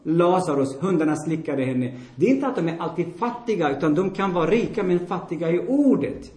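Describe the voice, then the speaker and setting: A man preaching a forceful sermon in a blunt, emphatic way. His voice sits high for a man yet sounds mellow and dark in tone. A roomy, echoing church hall surrounds him. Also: animated. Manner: blunt, emphatic, repeats for stress; addresses the congregation with questions.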